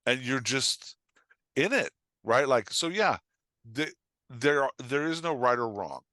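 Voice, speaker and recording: Speaking at a measured pace in a medium pitch, this man is recorded with no echo. As a podcast guest and coach, he chats about his craft in a blunt, informal way, sprinkling in "like" and "right?" while emphatically voicing the imagined reactions of readers.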